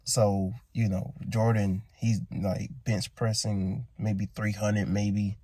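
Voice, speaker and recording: A man's voice: on the low side, flat delivery, slow pace, warm tone. A man with a groggy morning voice telling a long story in a casual, rambling vlog, full of restarts and asides. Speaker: vlogger.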